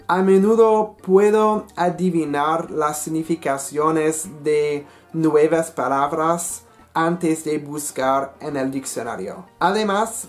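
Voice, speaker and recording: Slow, low-voiced woman with Italian-tinged delivery. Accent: Italian-influenced. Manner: careful, deliberate learner's delivery with pauses. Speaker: language-learning vlogger. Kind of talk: casual spoken vlog. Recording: faint guitar music behind.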